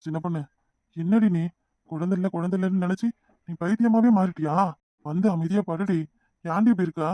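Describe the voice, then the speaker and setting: A man voicing an impatient young village husband in a cartoon, with a Kanyakumari Tamil accent and a brisk, exasperated manner. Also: sits high, mellow, no room sound, lightly acted. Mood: scolding. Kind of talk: cartoon voice acting.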